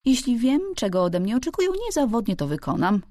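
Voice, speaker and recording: A woman reading an audiobook, voicing a brisk, curt middle-aged housekeeper in a high, pushed voice. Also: very animated, mellow, no room sound, clean studio sound, natural voice. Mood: dutiful. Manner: curt, bossy.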